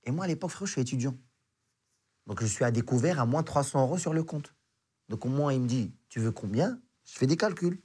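Husky-voiced man telling a story. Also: mid-range voice, brisk. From Morocco. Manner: animated, acts out dialogue. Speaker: comedian guest. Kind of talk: casual storytelling.

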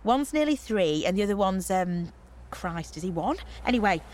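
A woman voicing a brash, loud party girl who talks in slang and swears casually. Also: medium pitch, animated, normal speed, natural voice. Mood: cheeky. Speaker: trip organiser.

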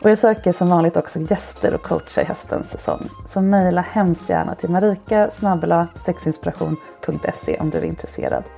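A woman podcast host reading an erotic short story aloud in a slow, soft, intimate way. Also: fairly low pitch, sing-song, creaky, faint music behind.

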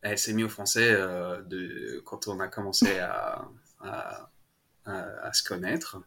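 A French father, guesting on an interview, chats casually with lots of fillers, restarts, and laughter. His low voice runs a little slow and sounds creaky, bright, and forceful.

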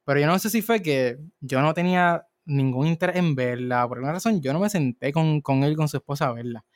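This podcast co-host, a man with a fairly high voice, talks briskly in a dry recording during a casual film discussion. He's a rambling storyteller, restarting often and wandering into asides.

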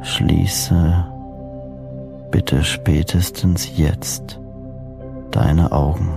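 A man narrates a guided sleep story in a deep voice with a creaky edge. His phrasing is soothing and deliberate, with pauses between short phrases. New-age music plays clearly behind him. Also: fairly even intonation. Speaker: host and hypnosis coach narrating sleep meditations.

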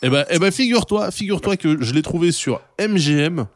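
Dude cohosting an on air chat, lively, rambles off on side stories, swears a bit. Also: male voice, on the high side, brisk. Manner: lively, animated tangents, swears casually. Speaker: co-host. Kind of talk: casual hip-hop podcast chat.

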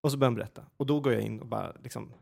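A man telling a personal story in a casual podcast chat, animated and full of fillers and restarts. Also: medium pitch, gravelly.

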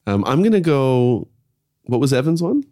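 A man's voice: medium pitch, big pitch swings, normal speed, dark tone. A Canadian man playing as a contestant on a comedy podcast, talking in a playful, rambling way. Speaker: game show contestant.

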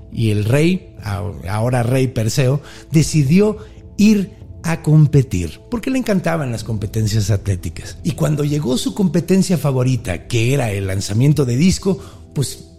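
A man with a Mexican accent casually retelling a Greek myth on a podcast, slangy, animated and jokey. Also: on the high side, creaky. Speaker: podcast storyteller. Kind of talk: casual mythology storytelling.

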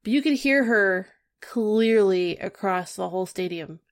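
A woman co-hosting a casual podcast chat, telling stories in an animated way. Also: medium pitch, a little slow. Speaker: podcast co-host.

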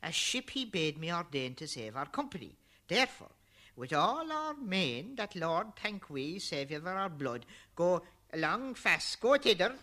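Man playing old Noah, high and bright. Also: big pitch swings, a little slow, exaggerated voice. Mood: urgent. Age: older. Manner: declaiming verse, grumbling then shouting. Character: weary old man Noah, bossy husband. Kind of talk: old-style verse play.

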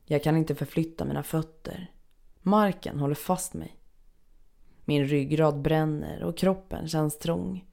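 A woman reading a first-person story aloud in a measured, unhurried, somber manner. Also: sits low, steady tone, creaky, mellow. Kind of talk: first-person scripted narration.

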